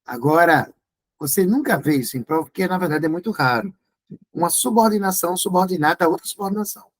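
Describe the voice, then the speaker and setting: A man's voice: high voice, quick pace, low-quality recording. A Brazilian Portuguese tutor, a man, going through exam questions in a review class. He talks in a didactic way, checks in with his students often, and breaks words into syllables to stress them.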